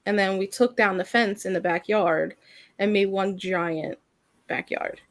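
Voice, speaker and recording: A woman's voice: medium pitch, fairly even intonation, a little slow, no room sound. A woman co-hosting a casual mom podcast, rambling and filling her talk with "like". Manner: rambling, heavy use of "like". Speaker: podcast co-host. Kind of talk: casual chat.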